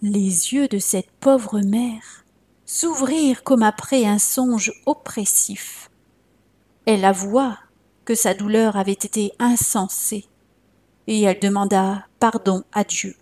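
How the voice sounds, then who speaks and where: A woman from France reading a legend aloud in a measured, solemn narration. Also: mid-range voice, dark tone. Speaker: storyteller. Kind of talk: scripted narration.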